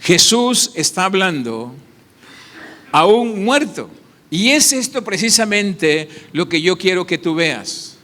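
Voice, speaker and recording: A man preaching a sermon with a high, bright, ringing voice. He fires questions at his congregation and answers them himself. The sound carries a long echo from a church hall. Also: big pitch swings, slow. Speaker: pastor.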